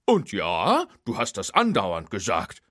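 A man voicing a boisterous, loyal male tow truck who talks loudly in a drawn-out, folksy way. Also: on the low side, wildly swooping pitch, dry recording, studio quality, exaggerated voice. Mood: friendly. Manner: loud, drawn-out, folksy shouting.

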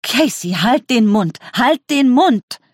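A woman's voice: mid-range voice, slow, warm tone, husky, no echo, studio quality. A woman voicing a frightened, pleading middle-aged mother in a read-aloud story, her voice raised and strained.

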